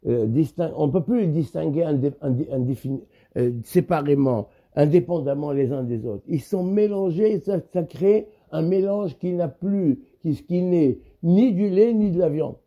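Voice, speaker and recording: Guy teaching torah, super mellow dark voice, kinda high, stops and repeats words a lot. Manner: halting, repeats words, searches for terms. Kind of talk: spoken Torah lesson.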